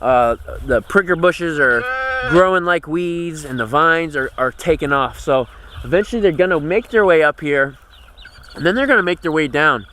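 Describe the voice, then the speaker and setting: A man's voice: a little high, bright, forceful tone, a little hiss or hum. An American man in his thirties giving an earnest, conversational walk-and-talk vlog update outdoors on a farm. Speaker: homesteading vlogger.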